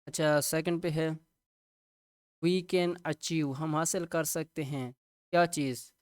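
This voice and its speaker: A man's voice: on the high side, fairly even intonation, dry recording. Male teacher with a Pakistani accent, walking through a lesson with a clean, resonant voice, dry close recording. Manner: mixes English with Urdu explanation, spells out words. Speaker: English teacher. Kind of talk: explaining a textbook exercise.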